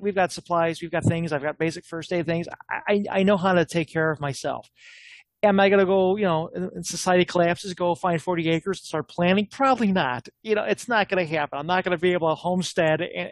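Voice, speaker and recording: A man talking bluntly in a casual political chat, quick and opinionated with frequent restarts. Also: high-pitched, dry recording.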